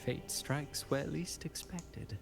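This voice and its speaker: An actor playing a suave, cold and calculating conspirator in a video game, speaking in a smooth, courtly, theatrical manner. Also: male voice, a little high, lively intonation, slow pace, exaggerated voice. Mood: smooth, sinister. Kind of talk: scripted video game dialogue. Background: game music.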